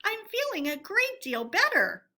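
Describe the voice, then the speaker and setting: A woman's voice: very high voice, huge pitch swings, unhurried, pushed and bright, pitched above the performer's own voice, exaggerated voice. A woman voicing a conceited, reckless male toad in a storybook, with a theatrical manner that shifts between wheedling and boasting. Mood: feeble, wheedling.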